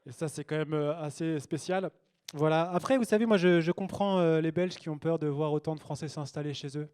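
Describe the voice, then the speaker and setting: A man's voice: a little high, fairly quick, a little mellow, clean tone. A young man performing a stand-up routine on a small cabaret stage, cheeky and chatty with a loose delivery. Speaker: stand-up comedian.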